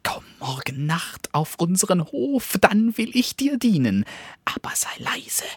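A man's voice: very high-pitched, animated, no echo, studio quality, voice pushed up, exaggerated voice. A man voicing a small, skinny, crafty male dog who yaps and wheedles. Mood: tempting. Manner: yapping, fast and wheedling.

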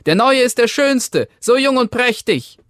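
A man voicing excited young children who call out in high, delighted voices in a storybook reading. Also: measured pace, no echo, clean studio sound, full character voice.

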